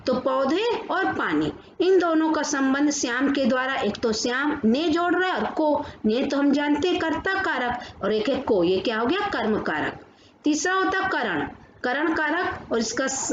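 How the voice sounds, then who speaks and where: A woman teaching a grammar lesson to children. She asks questions and answers them herself, and slows down to read out definitions. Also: high-pitched. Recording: echoey room, dull lo-fi sound with faint noise.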